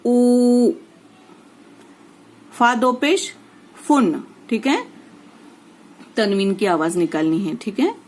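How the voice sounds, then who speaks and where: Woman as patient reading teacher, slow drills, a bit high-pitched. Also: expressive, darkish tone, poor audio. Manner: patient, repeats rules and drills syllables slowly. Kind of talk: slow spoken lesson with drawn-out recitation.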